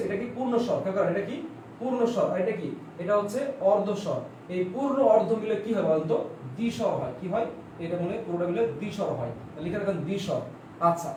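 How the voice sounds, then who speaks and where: A man's voice: high voice, darkish tone, recorded from a distance. A male teacher giving an online exam-prep lecture, repeating points and asking questions that he answers himself, stretching out example words to show how they are said. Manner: repetitive, quizzes listeners with questions and answers them himself. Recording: echoey room, voice a bit off-mic, faint background noise.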